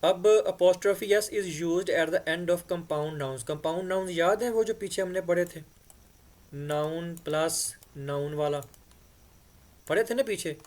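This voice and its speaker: Patient male grammar teacher at a board. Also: fairly high pitch. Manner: patient, repeats "ठीक है" often. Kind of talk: explanatory board lesson.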